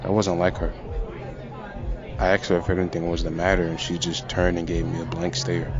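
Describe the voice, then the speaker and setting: A man's voice: low voice, level tone, normal speed. A man narrating a first-person horror story in a tense, dramatic way. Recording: lo-fi with music and crowd sound.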